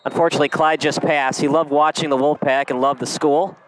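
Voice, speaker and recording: Brisk male play-by-play announcer outdoors. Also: a little high, fairly even intonation, slight background noise, low-quality recording. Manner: brisk, chatty play calling. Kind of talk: live sports commentary.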